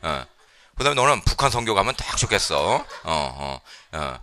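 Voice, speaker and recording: A man preaching a sermon as a missionary speaker in a church, playful and animated, often tossing in English phrases and checking in with the congregation. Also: low-pitched, moderate pace, slight background noise. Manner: lively, playful, mixes in English phrases, frequent "예?" prompts to the congregation. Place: church sanctuary.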